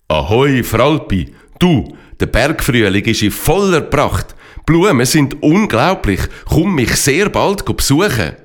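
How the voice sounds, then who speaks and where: A man's voice: medium pitch, big pitch swings, takes it slowly, voice pushed up. A man with a Swiss accent voicing a cheerful male train horse in a children's story, speaking in an enthusiastic, raised voice.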